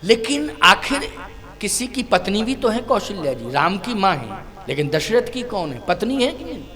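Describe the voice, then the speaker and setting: Bright high-voiced male preacher. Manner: acts out dialogue, chants verses, asks listeners. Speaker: spiritual preacher. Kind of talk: devotional storytelling sermon.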